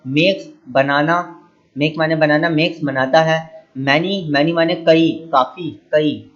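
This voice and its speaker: Male English tutor, a bit high-pitched, slow and repetitive, muffled recording. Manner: slow, repeats each word and its meaning. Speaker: English teacher. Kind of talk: vocabulary lesson. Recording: dull lo-fi recording.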